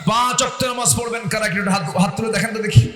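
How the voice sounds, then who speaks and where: Male preacher, higher-pitched and very expressive, call-and-response delivery, recorded over an echoey PA. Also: quick pace, very noisy. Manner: call-and-response with the audience, dramatic rising exclamations; humorous storytelling. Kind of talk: Islamic sermon at an evening gathering. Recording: echoey PA sound with long reverb.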